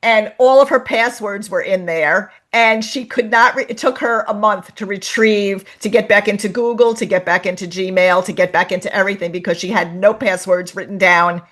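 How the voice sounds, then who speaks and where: Woman co-host, mid-pitched, giggly, shares little stories. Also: steady tone, moderate pace, few pauses, a bit bright. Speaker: podcast co-host. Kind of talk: casual chat.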